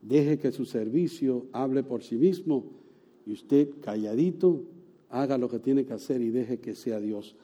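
A man preaching a sermon, telling a story with animated, sometimes loud exclamations and soft, hushed moments. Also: mid-range voice, a little slow, muffled recording. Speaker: pastor.

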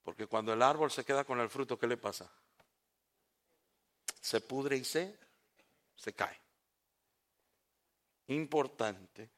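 A man preaching a sermon, swinging from hushed tones to shouts and asking the congregation rhetorical questions. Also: mid-range voice, slow pace, pauses often.

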